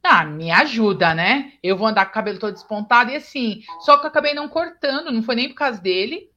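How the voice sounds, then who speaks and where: A woman's voice: on the high side, expressive, fast, sharp tone. A Brazilian woman hosting a casual chat who tells stories animatedly and acts out quoted dialogue. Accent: Brazilian Portuguese. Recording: dull lo-fi sound.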